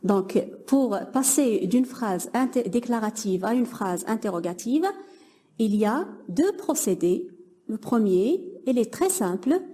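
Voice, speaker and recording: A woman's voice: a little high, mellow. A young woman teaching a grammar lesson to middle-school pupils, patiently explaining and praising imagined answers.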